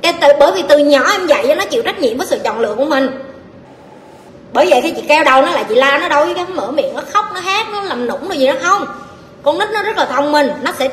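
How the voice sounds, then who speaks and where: A high-pitched woman with a Southern Vietnamese accent delivers blunt, scolding advice to her audience, talking straight at them with no softening. Her voice rings out in an echoey hall with a long tail, and a faint hiss of background noise sits underneath. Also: animated, quick pace. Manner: blunt, forceful, scolding lecture with coarse address. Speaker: life coach answering audience questions. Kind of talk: livestream Q&A advice talk.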